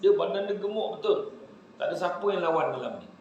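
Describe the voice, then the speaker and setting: A man preaching with a Malaysian Malay accent, giving a humorous religious talk to a live audience, telling animated stories and joking. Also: sits high, quick pace, highs cut off, slight background noise. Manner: animated joking storytelling, laughs often. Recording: very echoey hall.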